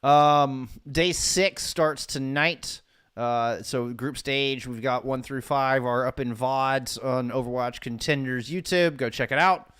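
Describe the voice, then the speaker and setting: A man's voice: medium pitch, steady tone, measured pace, hardly any pauses, fairly bright tone, smooth. A man co-hosting a casual esports podcast, joking and teasing his co-hosts. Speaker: podcast co-host. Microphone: webcam setup at home.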